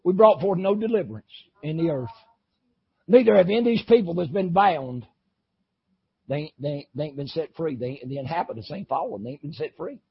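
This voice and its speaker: A man preaching an impassioned sermon, swinging from shouting to low, intense talk. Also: animated, brisk, creaky, slightly rough, dull audio. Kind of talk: fiery sermon.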